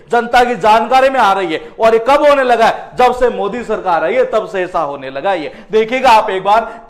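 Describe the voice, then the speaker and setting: High-voiced teacher in echoey room. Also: male voice, fairly bright tone. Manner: repetitive, explains with rhetorical questions. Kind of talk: exam-prep vocabulary lesson.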